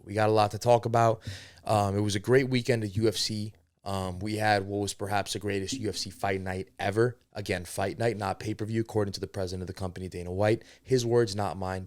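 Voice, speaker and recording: Hosting his solo podcast, a young man raised in America after being born in Spain talks casually, cursing and meandering while owning up to his segues. The recording is clean studio sound with no echo, and his voice is lowish and a little mellow.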